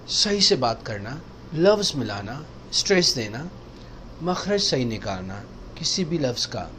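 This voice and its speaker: A male teacher walks learners through pronunciation, saying each example word again and again. His pitch sits a little high and moves a lot. A faint hiss runs under the recording. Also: a bit bright. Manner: explains slowly, repeats example words to model pronunciation. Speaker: English teacher. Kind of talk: recorded spoken-English lesson.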